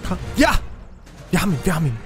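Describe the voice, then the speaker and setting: Lively high-voiced excitable gaming man. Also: fast talker, soft background music. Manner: excitable, exclamatory, talks to his game creatures. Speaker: let's play host. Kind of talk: excited gameplay commentary.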